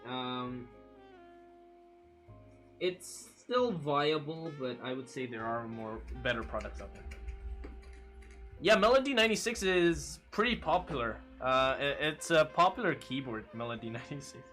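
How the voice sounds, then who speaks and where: With soft music in the background, an early-twenties livestream host speaks at a measured pace in a medium-pitched voice. He responds to viewer comments in a relaxed, chatty manner, full of fillers and frequent laughter.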